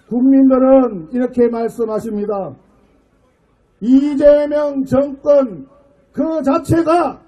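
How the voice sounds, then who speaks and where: A middle-aged man, a party floor leader, giving a fiery speech at an outdoor political rally, shouting and firing rhetorical questions at the crowd. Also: very high voice, rough recording.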